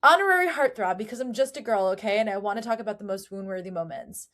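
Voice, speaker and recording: A woman hosting a casual book-discussion podcast, chatty and animated, with fillers. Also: medium pitch, fast talker. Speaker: podcast host.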